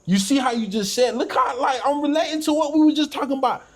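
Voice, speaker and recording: Host, male, high voice, preachy and emphatic, casual faith talk. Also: quick pace. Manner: preachy, emphatic, repeats phrases. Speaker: podcast host.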